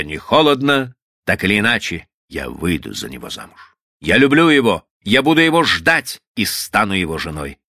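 A man's voice: mid-range voice, bright, forceful tone, no echo, clean studio sound. A male reader voicing a passionate, defiant twenty-four-year-old daughter in an audiobook, arguing heatedly with her father. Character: defiant young woman, 24, passionate.

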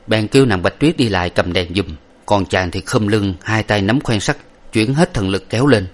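A man narrating an old adventure novel aloud in a steady, literary storytelling manner. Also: lowish voice.

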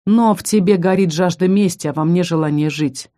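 A woman's voice: fairly low pitch, a little fast, mellow, lightly acted. A woman voicing a stern young female fantasy warrior who talks in a firm, commanding way.

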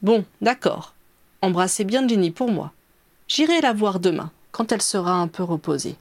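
A woman's voice: mid-range voice, animated, close to an everyday voice. A woman doing a firm older grandmother. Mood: stern. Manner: stern, measured.

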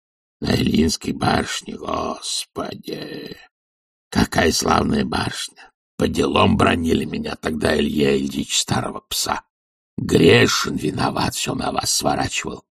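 A man voicing a devoted old male servant, hoarse and wheezing, with slow, mumbling speech. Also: very deep voice, expressive, fairly bright tone, distant mic, pitched below the performer's own voice, exaggerated voice. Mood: fussing. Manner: slow, mumbling, pious exclamations.

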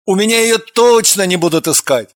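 A woman's voice: mid-range voice, animated, moderate pace, dry recording, studio quality, natural voice. A woman reading an audiobook, voicing a touchy, defensive young man who answers curtly and sulkily. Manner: curt, defensive, sulky.

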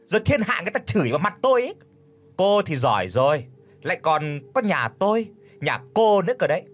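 A man voicing a spiteful old woman, a bullying mother-in-law, in a shrill, sharp-tongued scolding voice. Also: very animated, slightly rough, exaggerated voice. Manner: scolding, fast accusing questions. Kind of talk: audiobook character voice.

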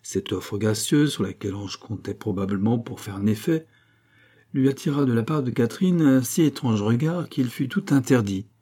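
A man narrating a classic novel as an audiobook, reading in measured, phrase-by-phrase delivery. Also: medium pitch, lively intonation, mellow.

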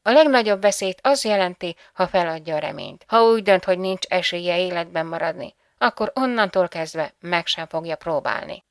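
A woman reading as a composed female psychologist who weighs each word gravely. the voice is low for a woman and recorded close and dry in an audiobook studio. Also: no room sound, lightly acted.

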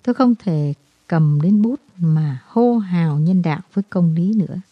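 A woman voicing a guilt-ridden, despairing man who confesses in a halting, brooding way, in a storybook reading. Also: on the low side, animated, no echo, highs cut off.

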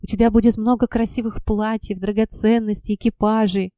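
A woman voicing a gentle, soothing middle-aged mother who speaks softly and conciliatorily. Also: mid-range voice, flat delivery, brisk, no echo, clean studio sound, lightly acted. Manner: soft, hushed, conciliatory.

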